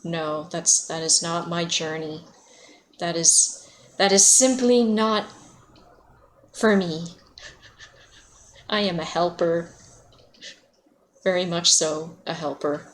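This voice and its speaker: A woman's voice: fairly low pitch, slow pace, pauses often, slight background noise. A woman streaming a video game, chatting casually, laughing often and answering her chat by name. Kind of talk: casual livestream chat while playing.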